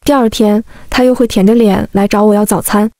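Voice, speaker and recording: A woman reading a first-person emotional story as scripted narration, in a calm, steady manner. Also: medium pitch, a little fast, no room sound, studio quality.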